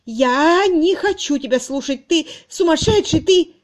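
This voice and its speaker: A desperate older spinster pleads in a shrill, tearful voice, as a woman reads her in an audiobook. Her voice climbs high and thin, strained with crying. It is a plain studio reading with nothing behind it. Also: very animated, unhurried. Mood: tearful, pleading.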